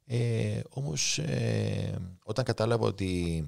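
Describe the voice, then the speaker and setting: A man in his thirties with a Cypriot Greek accent and a lowish voice tells his own story on a podcast. He talks in an impulsive, heartfelt, spontaneous way, full of emotion. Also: vocal fry, darkish tone. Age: 30s. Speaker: guest author and coach. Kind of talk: casual interview chat.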